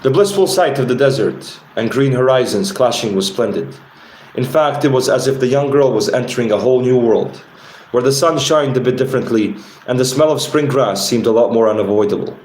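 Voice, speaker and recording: A man's voice: mid-range voice, fairly quick, a little mellow. A man, the author, reading narration from his own fantasy novel aloud in an unpolished way, sometimes stumbling and correcting himself. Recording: roomy, with faint background noise.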